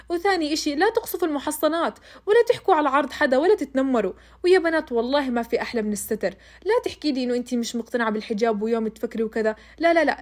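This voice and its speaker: A young woman telling her own story in a casual, emotional way, speaking straight to her listeners. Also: fairly high pitch. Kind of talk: casual first-person storytelling.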